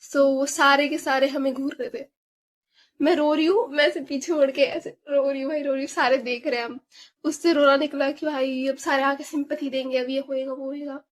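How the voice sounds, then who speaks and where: A high-voiced young woman vlogger shares a personal story in a relaxed, animated way. Her speech switches between Hindi and English, and she fills the gaps with plenty of little filler sounds.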